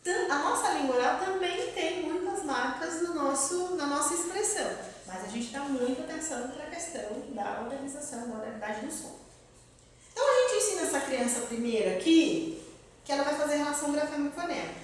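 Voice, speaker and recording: A high-pitched, fairly quick woman, a university professor, gives a lively talk in a lecture hall, asking the audience questions and laughing often. She is captured far from the mic in a loud, echoey hall.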